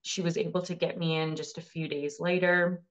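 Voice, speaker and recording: A woman in her thirties, a cancer patient, tells her own story in an interview, earnest and emotional. Her voice is fairly low and flat, moving at a normal speed.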